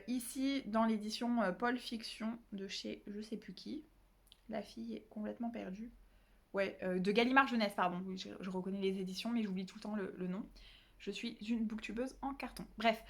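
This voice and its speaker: A woman's voice: on the high side, fairly bright tone. A young woman booktuber chatting casually about her reading pile, self-deprecating and full of fillers. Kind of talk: casual book haul chat.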